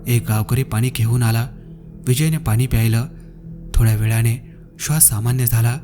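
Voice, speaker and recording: A man telling a scripted horror story in short, dramatic phrases with pauses. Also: medium pitch, steady tone, warm tone, soft background music.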